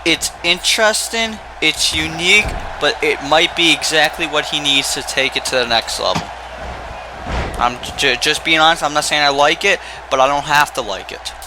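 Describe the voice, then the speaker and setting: A man's voice: a little high, normal speed, noisy background. A man giving conversational colour commentary as a wrestling commentator.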